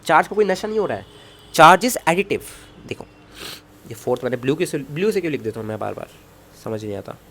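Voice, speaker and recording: With a bright, slightly high voice and lively intonation, this man briskly teaches physics online from a whiteboard. He keeps checking in with students through questions, tossing in jokes and muttering to himself while he writes.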